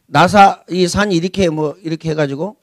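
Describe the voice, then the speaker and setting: A man's voice: on the high side, moderate pace, no room sound. A man preaching a sermon as senior pastor, talking conversationally and asking rhetorical questions.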